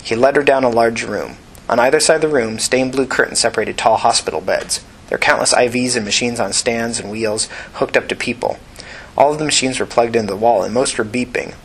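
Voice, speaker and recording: A man narrating an audiobook in a steady, even reading voice. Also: medium pitch, a little fast, husky, rough recording.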